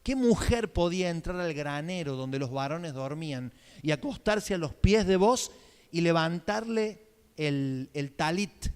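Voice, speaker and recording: A man's voice: on the high side, animated, a little slow, a little mellow, clean tone. A man with a Córdoba accent, preaching a sermon as pastor in a chatty style, often checking in with the congregation. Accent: Argentine, Córdoba. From Argentina. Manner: conversational preaching with frequent check-in questions. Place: church sanctuary. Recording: long church hall reverb.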